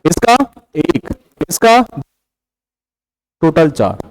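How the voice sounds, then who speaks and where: A man's voice: a little high, very animated, extremely slow, no room sound, poor audio. A young man teaching a class, patiently explaining step by step and counting syllables aloud. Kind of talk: classroom lecture on Hindi prosody.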